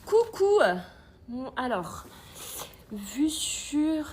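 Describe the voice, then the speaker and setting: A woman's voice: high voice, very animated, drawn-out words, a little mellow, slight background noise. A woman hosting a live cooking stream from an agency kitchen, chatting with viewers, greeting them often and reading their comments aloud.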